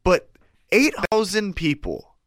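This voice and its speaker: Hoarse man with a voice giving out, lively pitch. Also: takes it slowly, dry recording. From Kansas City, United States. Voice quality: hoarse, strained voice close to giving out. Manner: emphatic, repeats phrases, casual swearing. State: voice nearly gone. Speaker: podcast co-host. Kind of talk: casual podcast chat.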